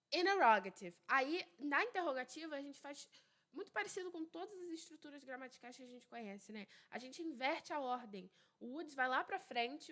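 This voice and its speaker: A young woman who speaks Portuguese natively, teaching an English grammar lesson in a casual, chatty way and slowly repeating the example words. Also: high voice, a bit bright.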